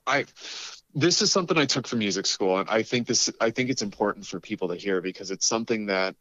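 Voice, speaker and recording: Male musician guest, slightly low voice, close dry sound, loose conversational storytelling with voiced dialogue. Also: fast talker, sharp tone, no echo, rough recording. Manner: rambling, acts out quoted dialogue. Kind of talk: casual interview storytelling.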